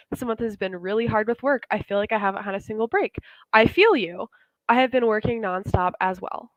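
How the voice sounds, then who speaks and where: A woman's voice: mid-range voice, no echo, low-quality recording. Chatty young woman teaching slang. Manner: casual and chatty, many "like" and "um" fillers. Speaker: English teacher. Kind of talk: online slang lesson.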